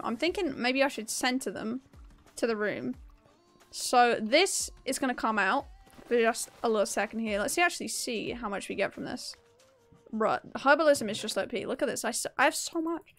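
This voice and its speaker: A woman's voice: a little high, a bit bright. A young woman streaming a game, chatting casually and upbeat with her viewers and laughing often. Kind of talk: casual live-stream chat while gaming.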